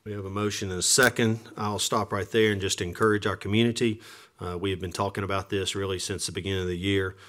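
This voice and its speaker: A man chairing a council meeting as mayor in a measured, formal manner. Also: low voice, flat delivery, a bit bright.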